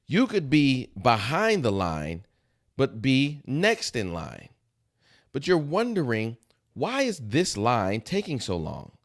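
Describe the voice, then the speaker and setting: A middle-aged man giving an emphatic motivational talk, repeating key phrases for effect. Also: mid-range voice. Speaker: motivational speaker.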